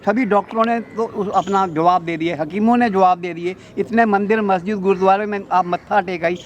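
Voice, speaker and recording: A man's voice: high voice, steady tone, a little fast, lo-fi sound, slight background noise, lightly acted. A man playing a wealthy, scheming older father-in-law who talks in an insistent, wheedling way in a family drama skit. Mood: persuasive.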